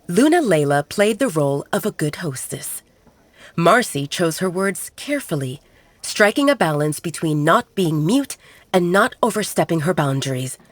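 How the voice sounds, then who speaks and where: A woman with a voice on the low side narrates a scripted romance audio drama, storytelling like an audiobook reader. A music bed plays beneath her, and there's no echo.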